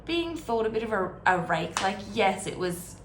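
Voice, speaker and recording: With a mid-range voice that's very animated at a moderate pace, the host of a book readalong series chats wryly and drifts into asides. She's at a desk in an indoor room; a camera on or near the desk records the echoey room and its background noise.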